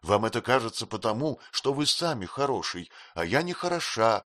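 A man's voice: medium pitch, very animated, normal speed, a bit bright, pitched above the performer's own voice. A man reading an audiobook voices a tearful, childlike young woman who sobs and pleads. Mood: sobbing remorse. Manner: sobbing, pleading.

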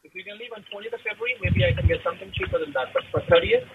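A man's voice: sits high, huge pitch swings, racing, creaky. A man working as an airline booking agent on a phone call. He talks away from the receiver to someone else in the room, so he sounds far off. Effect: voice far from the phone, talking away from the receiver. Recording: tinny phone line with faint noise.

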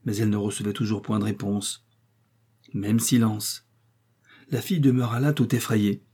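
Un homme qui lit un roman à voix haute, d'un ton posé et régulier. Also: male voice, fairly low pitch, fairly even intonation, moderate pace, warm tone, slightly rough. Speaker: audiobook narrator. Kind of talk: audiobook reading of a novel.

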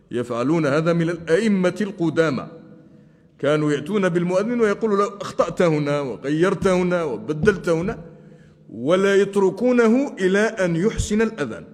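A male Islamic scholar gives a religious lesson, speaking deliberately and slowing down to demonstrate chanted phrases. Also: a little high, expressive, a little mellow. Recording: long hall reverb.

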